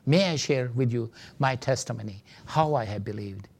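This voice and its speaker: A man's voice: medium pitch, moderate pace, creaky, breathy edge. A man with a Pakistani accent teaching a seminar like a preacher, earnest and emphatic. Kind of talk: teaching seminar with sermon-like exhortation.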